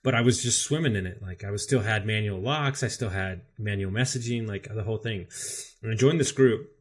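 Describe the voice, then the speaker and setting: A man telling his own story as a podcast guest, candid and animated, with frequent swearing. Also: fairly low pitch, brisk. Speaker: podcast guest, business coach. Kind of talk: casual storytelling interview.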